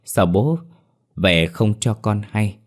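A man narrating a story voicing a middle-aged son who wails loudly and theatrically over his dead father. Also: fairly low pitch, expressive, slow. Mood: wailing. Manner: loud fake sobbing lament.

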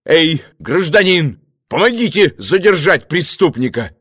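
A man doing a desperate young poet shouting. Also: fairly high pitch, big pitch swings, a little slow, breathy edge, no echo, studio quality, full character voice. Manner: urgent, shouting demands.

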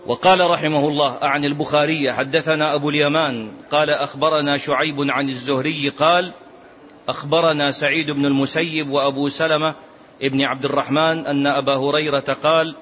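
A man's voice: fairly high pitch, level tone, a little fast, fairly bright tone, slight background noise. A man teaching a religious lesson on prophetic biography, reciting narrations emphatically and repeating key phrases. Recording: dull lo-fi lecture recording.

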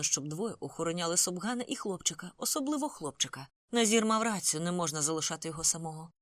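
A reader voicing a calm gang leader who gives firm, measured orders in an audiobook. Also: mid-range voice, no echo, clean studio sound, lightly acted.

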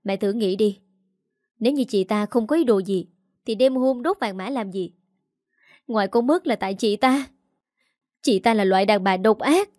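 A woman voicing an angry young sister-in-law who hurls fast, accusing words. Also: medium pitch, a little mellow, no echo, studio quality, close to an everyday voice.

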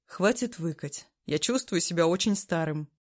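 A man's voice: on the high side, animated, normal speed, no echo, studio quality. A woman reading a storybook voices a laid-back, teasing retired emperor who talks in an easygoing, offhand way.

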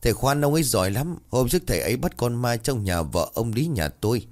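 A man's voice: mid-range voice, expressive, brisk, pitched above the performer's own voice, natural voice. A man voicing a simple, earnest young village servant who pleads and grieves. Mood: eager. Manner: pleading, eager.

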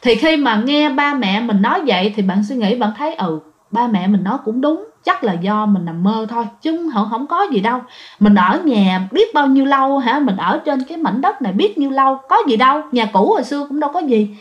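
A woman narrates a ghost story in a relaxed, chatty way, full of drawn-out fillers. Her voice sits fairly high and swings widely in pitch as she talks. She speaks straight to her listeners like a friend sharing a tale. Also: highs cut off.

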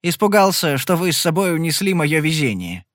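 A cocky young gambler with a smooth, mocking tongue, as a male narrator plays him. His voice sits a touch high for a man and sounds dry and close. He stays cool and sarcastic under threat in this storybook Western. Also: sing-song, a little fast, no room sound.

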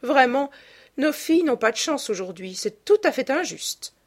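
A woman voicing an effusive high-society old duchess, exclaiming and gushing. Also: expressive, moderate pace.

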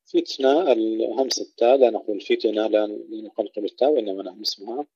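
A man teaching tajweed, explaining rules and then reciting words slowly with long drawn-out vowels. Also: on the low side, dark tone, breathy edge, no echo, dull audio. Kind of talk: tajweed lesson with recitation examples.

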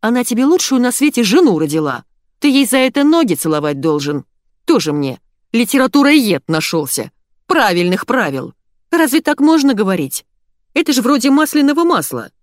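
A woman doing a shrill, fussy wife whose voice jumps up high and swoops around as she nags. It's a storybook reading, recorded close and dry. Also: very animated, normal speed, no room sound. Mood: indignant. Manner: shrill, emotional, nagging. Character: shrill excitable wife, quick to nag. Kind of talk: audiobook character voice.

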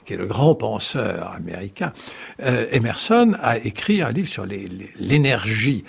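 A male historian with a gravelly, deeply husky voice talks through a radio studio interview. His pitch swings widely as he tells it, full of wry asides and false starts. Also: measured pace. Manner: animated storyteller, wry asides and restarts. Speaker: historian guest. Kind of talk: radio interview, explaining at length.

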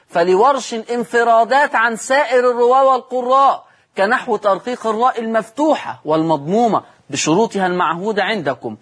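An Egyptian man teaching Quran recitation rules in a televised lesson. He asks the audience questions, answers them himself, and draws out example words slowly. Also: sits high.

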